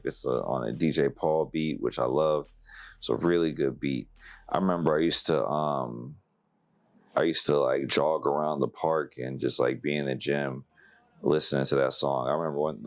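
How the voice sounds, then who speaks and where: Very low-voiced male album reviewer, casual and rambling. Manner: rambling, laughing, animated voices when quoting. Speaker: music reviewer.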